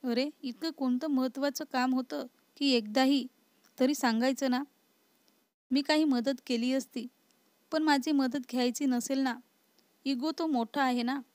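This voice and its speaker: स्त्री निवेदिकेने वाचलेला चिडका तरुण नवरा, रागावून बोलणारा, कोरडा आवाज. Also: female voice, high voice, fairly even intonation, measured pace, darkish tone, dry recording. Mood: irritated. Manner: scolding, exasperated. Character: short-tempered, protective young husband. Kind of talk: storybook reading.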